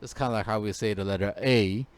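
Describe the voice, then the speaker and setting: A man's voice: fairly low pitch, fast. A man teaching a casual screen-share language lesson, hesitant, with many fillers and restarts.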